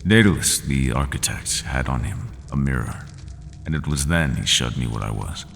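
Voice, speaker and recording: Lonely, bitter Minotaur, voiced by a man: very low, gravelly, lively pitch, slow solemn delivery, faint ambient noise. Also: long reverb tail, exaggerated voice. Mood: brooding, bitter. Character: lonely brooding Minotaur, a bull-headed male prisoner. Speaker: ASMR roleplay performer. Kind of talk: ASMR roleplay monologue.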